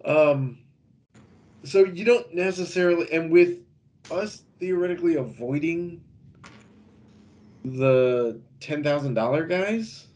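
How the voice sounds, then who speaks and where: A man co-hosting a podcast, chatting casually and quickly about fantasy racing picks, laughing easily. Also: fairly high pitch, darkish tone. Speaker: podcast co-host. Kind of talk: casual sports betting chat.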